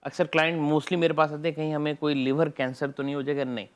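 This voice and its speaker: A man with a Pakistani accent, a doctor guest on a TV studio interview, explaining treatments at length in a measured way, with English phrases mixed in. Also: a little high, little pitch movement, clear, resonant tone.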